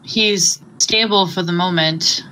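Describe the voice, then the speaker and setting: A woman's voice: lowish voice, slow, sharp tone, slight background noise, low-quality recording. A woman playing an earnest female medic with healing magic in a tabletop game. She stumbles a little as she talks.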